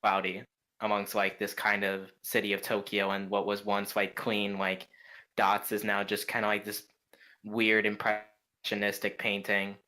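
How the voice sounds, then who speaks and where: A man's voice: lowish voice, completely flat delivery, a little slow, bright, forceful tone, rough recording. A young man narrating as game master, describing scenes in a meandering way full of fillers like "like" and "kinda".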